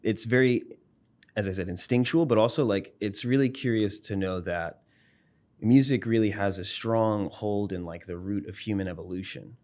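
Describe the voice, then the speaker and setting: A man, a psychology professor and musician, explaining ideas in a relaxed interview, thoughtful, with frequent fillers and restarts. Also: fairly low pitch, normal speed. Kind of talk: casual explanatory interview talk.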